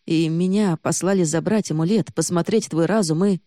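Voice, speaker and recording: A woman's voice: fairly low pitch, moderate pace, no room sound, clean studio sound, lightly acted. A woman voicing a stern young man, accusing. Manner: harsh and reproachful, then hushed and urgent. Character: young man, accusing, then desperately protective.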